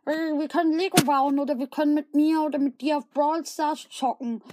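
A woman's voice: high-pitched, fairly even intonation, brisk, darkish tone, natural voice, rough recording. A woman voicing a cheeky, slobbering blob creature boy in a homemade audio story, chatty and swearing. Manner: casual, swears a lot.

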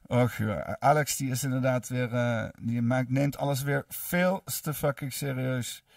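A man's voice: medium pitch, a little slow, vocal fry, dry recording, clean studio sound, distant mic. A man hosting a livestream, reading and answering chat in a rambling, cursing way full of fillers. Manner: rambling, profane, many fillers.

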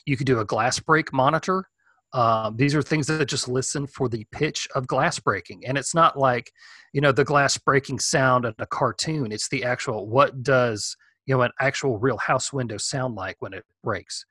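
A man's voice: medium pitch, moderate pace, pushed and bright, dry recording. A man, a guest expert, giving practical home security advice in a casual interview. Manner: practical, explanatory, thinking aloud.

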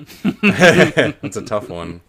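A man's voice: fairly low pitch, big pitch swings, very slow, fairly bright tone. A man co-hosting a podcast in casual chat, playful and teasing. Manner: playful, teasing, hands out punishments. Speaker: podcast co-host.

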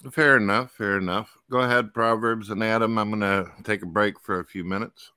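A male host in a casual call-in debate who puts blunt hypothetical challenges to a guest and calls his own voice monotone. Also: on the low side, fairly quick, smooth, dry recording, studio quality.

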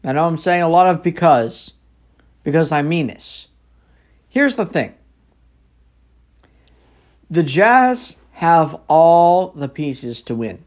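A man's voice: fairly high pitch, sing-song, slow, pauses often. A young man casually recapping basketball games as a host, rambling with lots of fillers and self-corrections. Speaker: sports show host.

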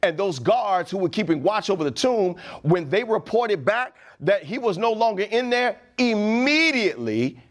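A male pastor preaching a sermon in an animated way, dropping slang asides. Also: high voice, normal speed, hardly any pauses.

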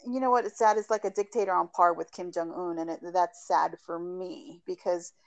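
A woman's voice: lowish voice, fairly even intonation, moderate pace, creaky, no room sound. Frank, wry woman interviewer. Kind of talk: conversational interview.

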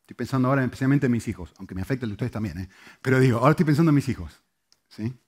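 A man preaching a sermon, moving between loud, emphatic lines and soft, hushed ones. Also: medium pitch, animated, rapid-fire, slightly rough. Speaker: pastor.

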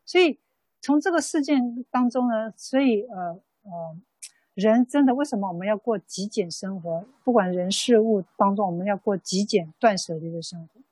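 Nun teaching a sutra class, husky voice, dry close sound, slow story with lots of soft ums. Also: female voice, medium pitch, no echo, rough recording. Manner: unhurried storytelling with many soft fillers. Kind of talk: dharma talk told as a story.

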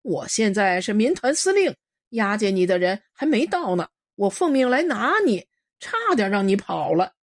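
A woman's voice: medium pitch, very animated, normal speed. A woman voicing a ruthless male militia commander who talks with cold, sneering contempt, in a storybook reading.

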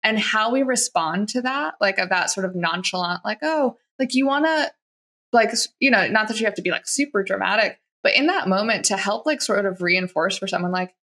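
A woman talks through workplace advice in an easy, conversational way, sprinkling in fillers. She slips into short acted-out quotes to show what someone might say. Her pitch sits in a middle range for a woman. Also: brisk, hardly any pauses, pushed and bright. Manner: chatty, many "like" fillers, acts out quoted lines. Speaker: guest expert on workplace conduct.

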